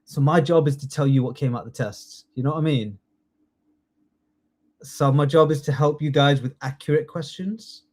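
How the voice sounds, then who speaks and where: A man leads a live online class with coaxing, animated energy. He drags out key words slowly so students can repeat them. His voice sits a little on the high side. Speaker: test training tutor.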